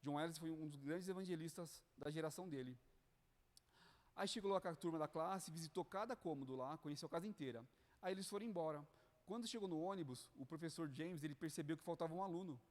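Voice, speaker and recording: A Brazilian man preaches to church leaders with a fervent, pleading delivery. His voice sits somewhat high for a man, and he keeps checking in with the listeners and calling them dear ones. The sound carries a long hall reverb. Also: quick pace. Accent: Brazilian Portuguese. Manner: fervent, pleading, adds "né?" and "queridos" often.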